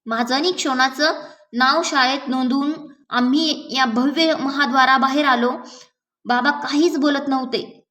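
A woman reading a novel aloud in a measured, gentle storytelling manner. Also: sits high, fairly even intonation, recorded from a distance. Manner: measured, gentle storytelling with small slips and restarts. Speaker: audiobook reader.

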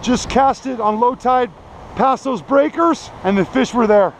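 A fairly high-voiced man in his thirties chats to his viewers in a relaxed, upbeat way while fishing from the shore. He talks into a body-worn action camera, with crashing surf and wind loud behind him. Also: measured pace, low-quality recording. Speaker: fishing vlogger. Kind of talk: casual first-person narration while fishing. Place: outdoors on an ocean beach in the surf. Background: crashing waves and wind.

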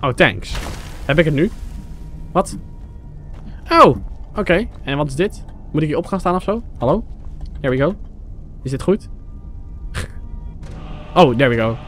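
Young man from the Netherlands, lively Let's Play narrator, slightly high voice, faint game music under him. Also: a little slow, long pauses. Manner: excitable, chatty, addresses viewers as guys, mixes English phrases. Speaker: gaming YouTuber.

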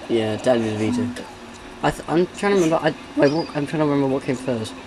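A man's voice: medium pitch, fast talker, a loud crowd. A man giving casual let's-play commentary as he plays, rambling and joking and breaking into bits of song. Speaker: game commentator. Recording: noisy home recording.

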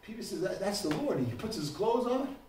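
A man preaching a sermon as pastor, moving between quiet talk and shouted preaching. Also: sits high, big pitch swings, fairly quick, a little hiss or hum. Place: church. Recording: echoey church room, mic far off.

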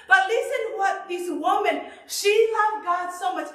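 Woman preacher from Tonga, middle-aged, high voice, emphatic sermon, handheld mic, echoey hall. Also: a little slow. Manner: animated, emphatic, repeats phrases. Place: church sanctuary. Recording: echoey hall, far from the camera.

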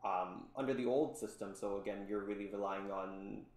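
A man talking as a podcast guest in relaxed, rambling casual chat, full of ums. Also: fairly low pitch, moderate pace, echoey room. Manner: relaxed, rambling, many ums, laughs often.

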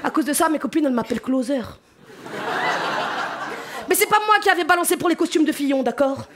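High-voiced chatty woman comedian. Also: brisk, crowd noise. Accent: Parisian suburbs. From France. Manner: animated, chatty, addresses the audience directly. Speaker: stand-up comedian. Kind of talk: stand-up comedy set. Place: comedy stage before a live audience.

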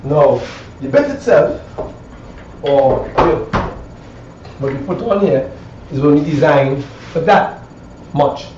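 A man with a Caribbean accent and a fairly high, mellow voice demonstrates hand tools in a small, cluttered indoor woodwork shop, speaking slowly with lively intonation and frequent pauses. His casual, hands-on talk rambles, repeats phrases and leans on checking tags. A camera a few metres off picks him up, so the audio is echoey, distant, dull and faintly noisy.

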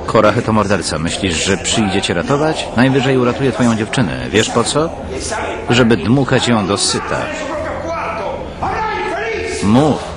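A man reading every role of a dubbed drama as a single voice-over, at an even, unhurried pace. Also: on the low side. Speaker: voice-over reader of a dubbed series. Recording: loud music and crowd noise underneath. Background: original soundtrack with music and voices.

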